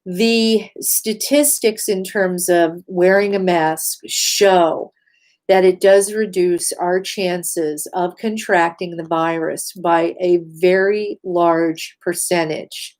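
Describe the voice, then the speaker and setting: A woman speaking earnestly through a face mask, giving emphatic, measured advice straight to her listeners in an instructional talk. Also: lowish voice, a little mellow. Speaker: host giving mental health advice.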